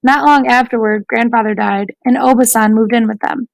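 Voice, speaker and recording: Woman audiobook narrator, slightly high, gravelly texture, measured reading. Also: fairly even intonation, no room sound, rough recording.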